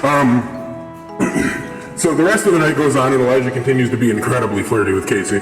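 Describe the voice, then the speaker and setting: A man's voice: medium pitch, a little fast. A young man rambling through a casual story with lots of fillers, his voice run through a voice changer. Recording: echoey with long reverb, music behind.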